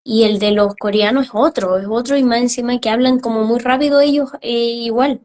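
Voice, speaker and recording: A woman's voice: fairly high pitch, fairly even intonation, fairly quick, a little mellow. A woman, hosting an interview and talking loosely in run-on phrases. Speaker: host. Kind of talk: casual interview chat.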